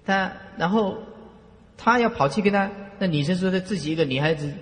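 A man's voice: high voice, brisk. A man with a Taiwanese Mandarin accent giving a lecture to students, telling stories with lots of repeated phrases. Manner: animated storyteller who repeats phrases. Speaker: Buddhist lecturer. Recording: long reverb hall.

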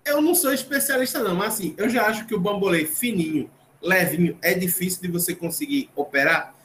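A man's voice: sits high, a little fast, fairly bright tone. A man hosting a casual podcast, chatty and joking as he recaps a cooking show. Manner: chatty, recaps with jokes and asides. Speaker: podcast host. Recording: roomy echo, faint noise.

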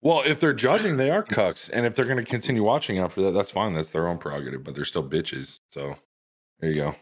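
A young American man with a lowish voice tells a rowdy, profane story to his friends. He talks casually and animatedly on a podcast. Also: animated, quick pace, slightly rough. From United States. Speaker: podcast host.

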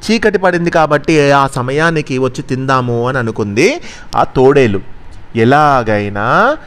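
Man, children's story narration, measured, expressive, middle pitch.

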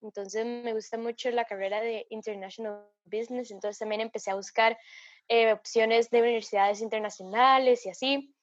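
A woman's voice: a little high, fairly even intonation, moderate pace, dry recording. Reflective teen girl. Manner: reflective, hesitant, many fillers like "como" and "entonces". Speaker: student guest. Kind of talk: casual podcast conversation. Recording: dull lo-fi dry sound.

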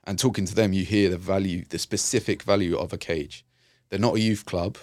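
Low-voiced man, reflective interview guest. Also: steady tone, a little fast, darkish tone, no echo, clean studio sound. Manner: reflective, frequent fillers and restarts. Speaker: youth and community worker, guest. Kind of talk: conversational interview.

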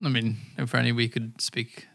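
A man's voice: mid-range voice, completely flat delivery, normal speed, gravelly, fairly bright tone. An Australian man co-hosting a podcast in casual chat, laughing often and swearing freely in jokey banter. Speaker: podcast co-host.

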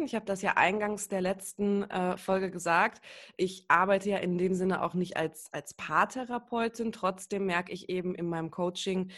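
Nachdenkliche Frau, viele Füllwörter. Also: female voice, mid-range voice. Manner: thoughtful, hedging, many fillers. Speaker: coach, podcast guest. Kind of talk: explaining in an interview.

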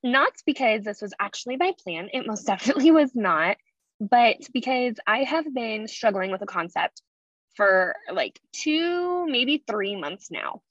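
A woman's voice: fairly high pitch, lively intonation, measured pace, fairly bright tone, dry recording, lo-fi sound. Woman podcast host, casual solo chat, slight slur on S's, rambling and candid, dry close sound. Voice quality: slightly slurred S sounds from retainers. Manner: candid, rambling, frequent fillers and asides.

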